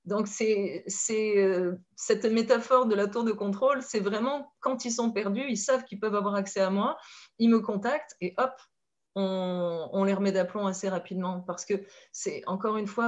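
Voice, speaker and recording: A woman from France with a French accent, a life coach talking in a lively, expressive way and laughing often. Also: mid-range voice, moderate pace, muffled recording. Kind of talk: conversational talk with metaphors.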